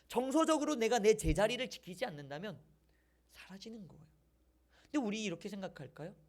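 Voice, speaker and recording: A man's voice: sits high, animated, fairly quick. A man preaching a sermon as pastor, in a conversational way, often asking rhetorical questions.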